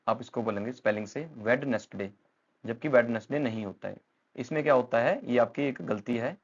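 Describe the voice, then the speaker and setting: A man's voice: mid-range voice, highs cut off. A man with an Indian accent teaching English pronunciation, talking patiently and repeating words with frequent fillers. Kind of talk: explanatory lesson in Hindi mixed with English.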